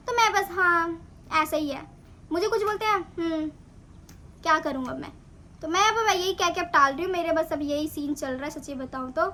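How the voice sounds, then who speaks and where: A young woman with a high, bright voice tells her own stories in a relaxed vlog. She talks in a chatty, animated way, like someone recounting her days in clinical training. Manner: animated, chatty retelling of events. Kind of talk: casual storytelling vlog.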